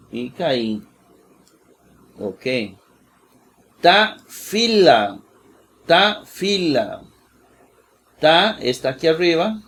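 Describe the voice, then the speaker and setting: A man teaching a Bible lesson, slow and deliberate, repeating each word several times and asking if listeners follow. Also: medium pitch, vocal fry. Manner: asks "¿verdad?" to check listeners follow. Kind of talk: slow screen-share lesson.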